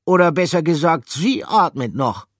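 A man's voice: sits high, big pitch swings, slow, breathy edge, no echo, clean studio sound, pitched above the performer's own voice, exaggerated voice. A man voicing a cheeky, talkative male mouse in a storybook reading.

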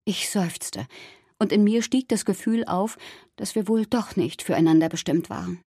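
A woman narrates a first-person audiobook in a husky, slightly breathy voice. Her reading sits at a middle pitch and moves along with lively storytelling energy. The sound is dry and close to the mic. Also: moderate pace, dry recording.

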